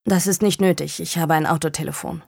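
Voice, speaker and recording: A woman voicing a brisk male country doctor who gives clipped orders. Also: sits low, fairly even intonation, creaky, a little mellow, slightly rough, no room sound, full character voice. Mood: curt. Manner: clipped, commanding. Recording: dry close studio sound.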